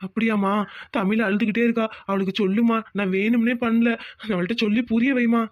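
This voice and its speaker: A performer voicing a confused, gentle young village husband who has lost his memory, in a cartoon. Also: mid-range voice, fairly even intonation, fairly quick, natural voice. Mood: bewildered. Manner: gentle, bewildered. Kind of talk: cartoon voice acting. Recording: dull lo-fi audio.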